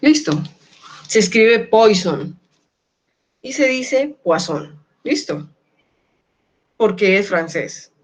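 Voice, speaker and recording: A woman lecturer teaching an online class, often checking in with her students and slowly repeating key words. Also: a little high, very animated. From Colombia. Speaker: university lecturer.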